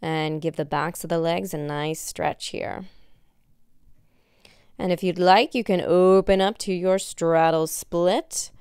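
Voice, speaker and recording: A woman's voice: fairly low pitch, fairly even intonation, slow pace, a little mellow, clean tone, dry recording, clean studio sound. A young woman instructing an at-home workout like an aerobics instructor, giving encouraging cues as she exercises along. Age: young adult. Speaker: fitness instructor. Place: indoor wood-floored exercise studio.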